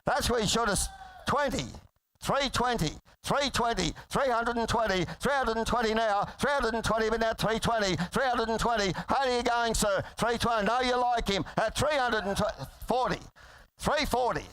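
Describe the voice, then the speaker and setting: A male livestock auctioneer with a high, clean voice. He chants bids urgently and repetitively, rolling numbers into a rapid-fire sales patter. The sound is dry and close. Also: a bit bright, smooth, no room sound, rough recording. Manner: repetitive, urgent bid calling. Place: live yearling sale.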